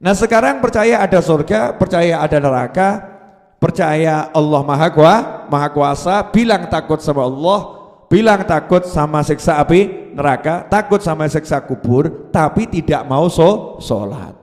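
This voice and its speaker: A man, preaching a sermon to a live audience in a lively, playful way, questioning listeners and acting out voices. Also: a little high, measured pace. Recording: long hall reverb.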